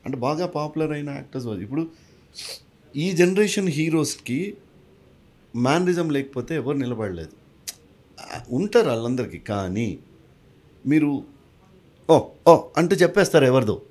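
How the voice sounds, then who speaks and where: A man who works as a mimicry artist and actor, answering interview questions in a lively way and mixing English phrases into his talk. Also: fairly high pitch, normal speed, pauses often. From a village. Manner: animated, mixes English into his speech.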